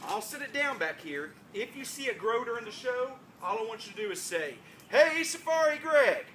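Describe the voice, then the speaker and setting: In a live room packed with noisy children, an entertainer in the style of a kids' party magician leads playful call-and-response and plays up mock surprise like a clown. His mid-range voice has lively intonation and runs a little fast over the loud crowd and ambient noise.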